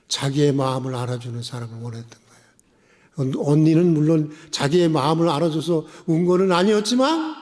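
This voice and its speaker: A man preaching a sermon as pastor, asking the congregation questions and swinging between emphatic raised phrases and quiet drops. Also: mid-range voice. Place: church sanctuary. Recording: long church reverb.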